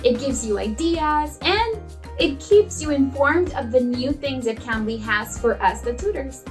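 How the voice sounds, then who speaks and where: Woman tutor, high voice, slow unhurried delivery, casual teaching tips, acts out classroom dialogue. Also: animated, soft background music. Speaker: online English tutor.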